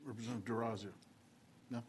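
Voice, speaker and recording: A man's voice: mid-range voice, little pitch movement, quick pace, noisy background. A man chairing a legislative hearing in a formal, procedural way. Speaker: committee chair.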